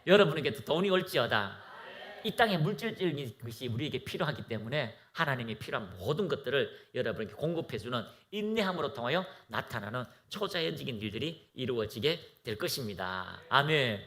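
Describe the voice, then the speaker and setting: Fervent pastor preaching with lively pitch. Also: male voice, brisk, hardly any pauses. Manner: fervent, exhorting, leads the congregation in reciting. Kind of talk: sermon. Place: church.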